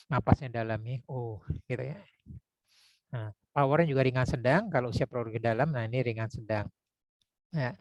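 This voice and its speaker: A man teaching public speaking in a casual lecture, talking conversationally with frequent tag words and demonstrating deep and high vocal tones. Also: darkish tone, no room sound. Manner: conversational, frequent "ya" and "gitu ya" tags.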